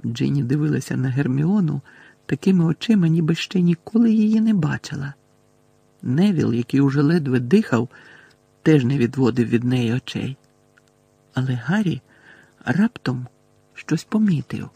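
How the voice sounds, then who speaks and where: A man narrating an audiobook with an expressive, dramatic reading. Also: medium pitch, moderate pace, creaky, pauses often, husky, dry recording.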